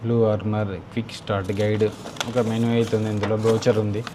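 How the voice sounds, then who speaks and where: A motovlogger with a Telugu accent unboxes and installs gear in an unscripted walkthrough, thinking aloud informally. His lowish voice is flat and fast, with background noise behind him.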